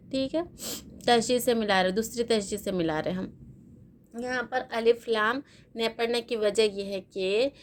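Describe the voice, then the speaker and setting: A woman with a slightly high voice teaches a recitation lesson, speaking patiently and going back over each rule. She asks her students questions and answers them herself, and slows right down to sound out letters one syllable at a time. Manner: spells out letters slowly, syllable by syllable. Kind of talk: step-by-step tajweed lesson.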